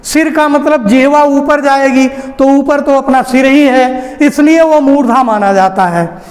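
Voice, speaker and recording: A male teacher, giving a slow, deliberate phonetics lesson and sounding out each letter aloud. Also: very high voice. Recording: echoey room with long reverb.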